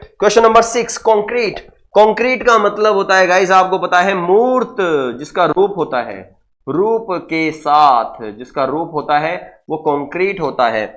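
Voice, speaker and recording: A man's voice: high voice, a bit bright. A man teaching English vocabulary in an online exam-prep lesson, explaining in Hindi mixed with English and often repeating key words. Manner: addresses students as guys and sir, frequent checks like okay.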